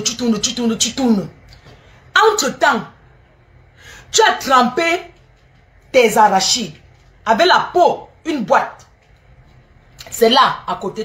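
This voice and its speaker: A woman's voice: mid-range voice, fairly bright tone. A middle-aged woman talks viewers through a recipe in a casual cooking video, repeating each step and teasing and scolding as she goes. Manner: repetitive, teasing and scolding, addresses viewers directly. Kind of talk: casual spoken recipe demonstration.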